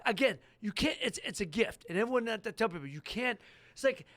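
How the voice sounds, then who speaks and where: A podcast host talks in a rambling, emphatic way. His voice is high for a man. The studio sound is dry and close. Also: expressive, brisk, fairly bright tone, dry recording. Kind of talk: casual chat.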